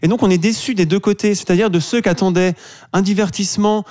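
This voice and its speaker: A man's voice: high-pitched, steady tone, quick pace, a little mellow, dry recording, clean studio sound. A man talking through a film review in a casual discussion, opinionated and rambling. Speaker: film critic.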